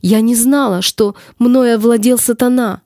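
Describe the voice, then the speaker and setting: A woman's voice: a little high, normal speed, darkish tone, no echo, clean studio sound. A woman reading the lines of a damned woman's soul, who pleads in anguish and torment. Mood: pleading. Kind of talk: audiobook reading.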